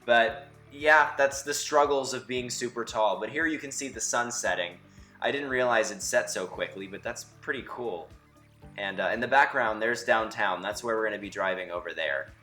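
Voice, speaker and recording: A man's voice: lowish voice, normal speed, pushed and bright, faint music behind. A young man narrating a casual driving vlog from inside his car, chatty and wry, his voice a bit muffled from a camera mic set away from him. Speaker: vlogger. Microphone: camera mic from a distance, muffled.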